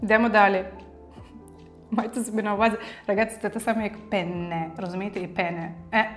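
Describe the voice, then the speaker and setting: A woman's voice: medium pitch, fairly even intonation, fast. Woman, language teacher, chatty, playful, encouraging, faint background music. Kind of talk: chatty online language lesson.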